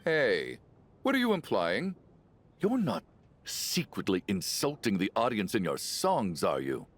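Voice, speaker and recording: A sardonic older man in a video game, given to bluster. His very deep, husky voice swings wildly in pitch. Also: wildly swooping pitch, measured pace, full character voice.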